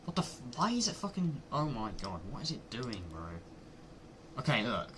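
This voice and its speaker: A man's voice: mid-range voice, sing-song, normal speed, background noise. A man streaming live, reacting to a video and arguing his point over and over. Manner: argumentative, repeats himself, gets loud when annoyed.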